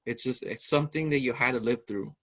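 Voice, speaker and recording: A man hosting a podcast, telling stories in a lively, casual way and swearing freely. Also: medium pitch, a little fast, dry recording, muffled recording. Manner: animated storyteller, swears freely. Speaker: podcast host. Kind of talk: casual chat.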